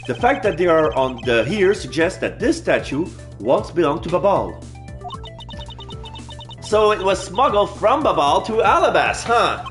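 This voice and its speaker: A man playing a video game, reading its dialogue aloud and commenting as he goes. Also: a little high.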